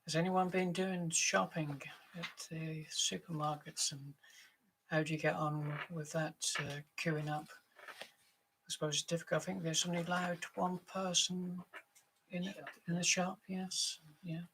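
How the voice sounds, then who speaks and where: A woman hosting bingo, chatting casually and calling numbers in a deliberate, traditional rhyming style. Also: on the low side, level tone, fairly bright tone, a little hiss or hum, rough recording. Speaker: bingo caller and host.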